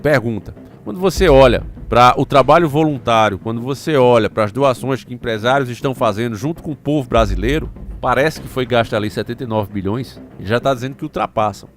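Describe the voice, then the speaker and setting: A man's voice: medium pitch, brisk, faint music behind. A man hosting a channel, giving opinionated commentary on news stories, reading excerpts aloud and answering them with rhetorical questions. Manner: addresses listeners as "meus irmãos".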